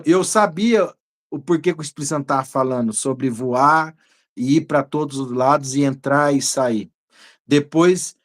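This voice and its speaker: A Brazilian pastor in a lively teaching sermon, carrying his listeners through a personal testimony. He tells the story in an animated way, his voice rising and falling, and drops into prayer in tongues along the way. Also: fairly high pitch. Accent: Brazilian Portuguese.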